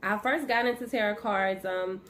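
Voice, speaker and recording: A woman hosting her own channel, chatting casually with viewers while chewing gum, with a relaxed, friendly manner. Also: mid-range voice, moderate pace, soft background music. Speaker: channel host. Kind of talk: casual vlog chat. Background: faint noise of her dog moving around.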